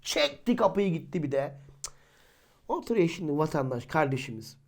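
A man's voice: a little high, moderate pace, gravelly. A man giving an informal religious talk, speaking colloquially, asking his listeners rhetorical questions and acting out the people he describes. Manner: lively, colloquial, acts out quoted people. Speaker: religious teacher.

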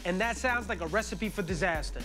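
A man's voice: sits high, brisk. Middle aged guy hosting a restaurant show, direct and upbeat, music playing under him. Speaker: restaurant consultant and show host. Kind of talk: reality TV narration and casual chat. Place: small bright café dining room. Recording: music bed under the talk.

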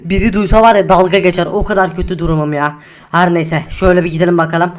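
A woman's voice: lowish voice, steady tone, fast, close to an everyday voice. A woman voicing a greedy, hot-tempered male diamond miner in a game role-play, who curses and grumbles and repeats himself over and over. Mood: frustrated. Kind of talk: Minecraft role-play acting.

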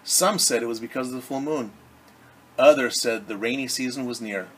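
Taking on a teacher's role, a middle-aged man reads a story expressively to children and explains words with simple asides. His voice is medium-pitched at normal speed. Recorded roughly in a home living room at arm's length from the camera, the clip carries clear room noise.

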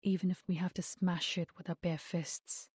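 A woman putting on the voice of a stern, determined woman, low and hushed. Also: little pitch movement, moderate pace, slightly rough, no room sound, clean studio sound.

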